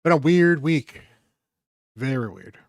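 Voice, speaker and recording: A man's voice: fairly high pitch, animated, slow pace, vocal fry, no echo. Tired man chatting on a game stream. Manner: rambling, muttering asides to chat. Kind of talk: casual live-stream chat while gaming.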